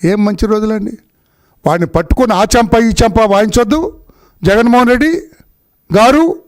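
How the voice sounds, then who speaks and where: A middle-aged man with a notably high voice delivers a heated political speech. He scolds and accuses, hammering the same phrases again and again in an indignant tone. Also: moderate pace. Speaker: politician at a press conference.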